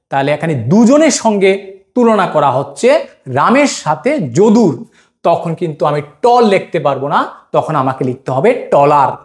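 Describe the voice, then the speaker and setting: A man teaching a grammar lesson. He asks a question and then answers it himself, and he says the example words slowly. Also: high-pitched. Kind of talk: classroom lesson.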